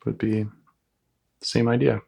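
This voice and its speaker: A man guiding a client as a therapist in a live session, calm and gentle, reflecting back what he hears. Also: fairly low pitch, slow pace, creaky, husky.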